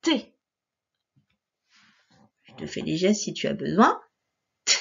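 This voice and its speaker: A woman teacher giving a patient, slow syllable dictation to a child, spelling out letters one by one and softly breathing out the sounds. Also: on the low side, very animated, creaky, slightly rough, dull audio.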